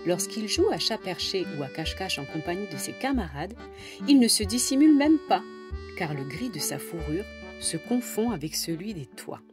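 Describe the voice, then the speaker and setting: A woman reading a children's storybook aloud in an expressive, animated way, with swooping emphasis. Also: on the low side, moderate pace. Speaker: storybook reader. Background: background music.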